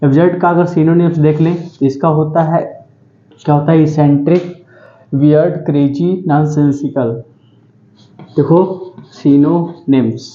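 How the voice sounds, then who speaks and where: Hindi-speaking man teaching exam vocabulary. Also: on the high side. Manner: repetitive, drilling each word with "ठीक है" and self-questions. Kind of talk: exam-prep vocabulary lecture. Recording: roomy, dull lo-fi sound.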